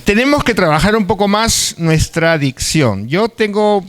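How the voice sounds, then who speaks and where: High-sitting, expressive and a bit bright, this man's voice moves at a measured pace. He's from Lima, Peru, and lectures a university class live in a relaxed, talkative way, often tossing tag questions to the students and occasionally stumbling over words before starting them again.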